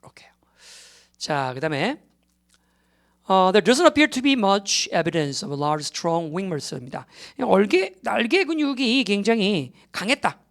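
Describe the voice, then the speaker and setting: This male lecturer's voice is high-pitched and a bit bright, very animated yet slow-paced. He teaches a recorded exam-prep English class in Korean, sprinkling in English terms, explaining step by step and checking students keep up.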